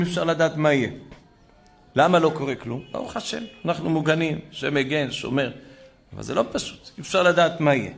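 A man preaching a sermon to a congregation, telling a story with animated swings between loud exclamations and hushed asides. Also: fairly high pitch, gravelly. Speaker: rabbi preacher.

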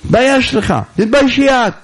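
A man voicing an angry middle-aged wife, shouting indignant insults at her husband in a high, strained voice. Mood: furious.

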